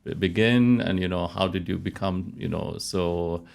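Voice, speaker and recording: A man hosting a conversational interview podcast, speaking in a halting, hesitant way with frequent pauses. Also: sits low, gravelly, darkish tone. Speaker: podcast host interviewing a guest.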